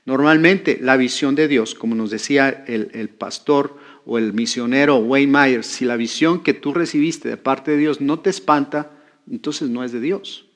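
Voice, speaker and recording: A man's voice: mid-range voice, unhurried. A man preaching a sermon, talking with the congregation and putting questions to them. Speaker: pastor.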